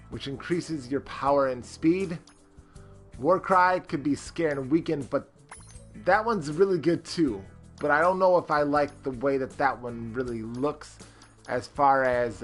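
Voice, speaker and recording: A man streaming a character-creation game, rambling with lots of fillers and greeting chat viewers. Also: mid-range voice. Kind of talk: casual live-stream commentary.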